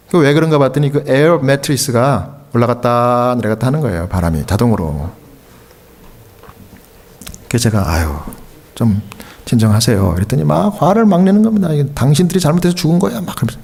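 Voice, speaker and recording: Korean pastor preaching, high-pitched man. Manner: acts out quoted voices, shouting the high parts. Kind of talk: revival sermon with storytelling. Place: church sanctuary.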